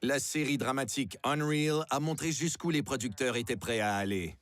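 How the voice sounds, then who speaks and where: Measured male documentary narrator. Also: mid-range voice, a bit bright.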